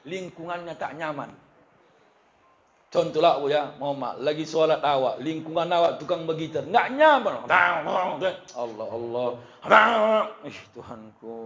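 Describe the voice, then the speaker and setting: A male preacher delivers a lively, joking sermon, often turning to address the women listening. His voice sits fairly high for a man. The recording is slightly dull, with faint ambience in the background. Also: a little hiss or hum. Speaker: Islamic preacher. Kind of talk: humorous sermon at a study gathering. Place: religious study gathering.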